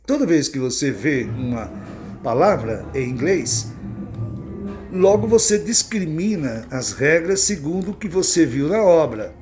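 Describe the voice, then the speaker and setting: A man from Brazil gives an English pronunciation lesson. His voice sits somewhat high. He keeps checking in with his listeners and slows right down to sound out the English example words. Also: a little mellow. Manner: didactic, repeats checks like "né?" and "ok?". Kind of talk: explanatory lesson.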